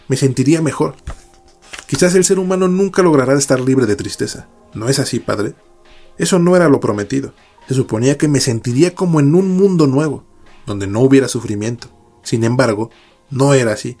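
A man narrates a dark first-person horror story, measured and dramatic, at a middle pitch. Faint music plays quietly beneath his voice.

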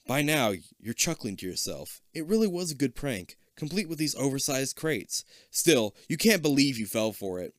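A man's voice: mid-range voice, sing-song, moderate pace, hardly any pauses, a bit bright, no echo, clean studio sound. Casual man reading a gamebook aloud. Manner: casual, with joking asides. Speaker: reader.

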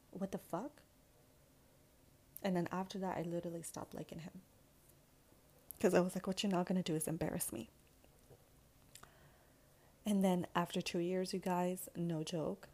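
A woman's voice: on the low side, a little mellow. A young woman vlogger telling a personal story to her viewers in a sassy, casual way, full of slang, swearing and filler words.

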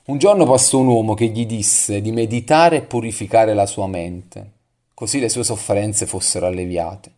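A man's voice: on the low side, normal speed, warm tone. A man preaching a devotional sermon, reading scripture and reflecting, often asking the listener questions directly.

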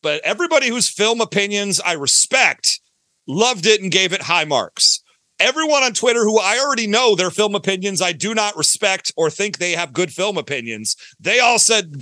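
A man from Detroit, United States, with an American accent, is a podcast guest chatting casually and emphatically about his creative work. His voice is high-pitched and bright with a forceful tone, and there's no echo.

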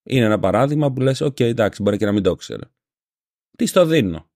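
A man's voice: medium pitch, animated, darkish tone, dry recording, clean studio sound. A man from Greece with a Syros island accent, hosting a casual monologue podcast, a little ill and grumbling, telling a story sarcastically. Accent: Syros island Greek. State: slightly ill. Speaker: podcast host. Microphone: home podcast microphone.

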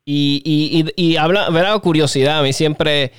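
A man hosting a casual podcast chat, telling stories with lively acted-out reactions. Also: fairly high pitch, unhurried, clean tone, no room sound, clean studio sound. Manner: animated storyteller, acts out reactions. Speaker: podcast host.

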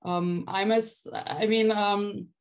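A woman from Slovenia with a Slovenian accent, talking haltingly as an interview guest and often searching for words. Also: mid-range voice, fairly even intonation. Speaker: podcast guest, philosophy PhD student and stand-up comedian. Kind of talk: casual interview conversation.

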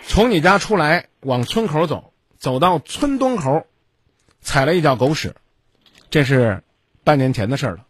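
A man's voice: fairly high pitch, expressive, moderate pace, slightly rough, dry recording. A man hosting a call-in advice show, blunt and scolding, who keeps cutting his caller off. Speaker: radio advice host.

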